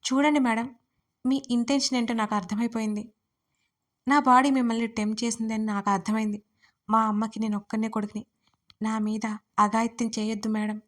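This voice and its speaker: Woman playing a playful young man, teasing, mock-pleading, fairly high voice, audio storybook. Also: steady tone, moderate pace, mellow, natural voice.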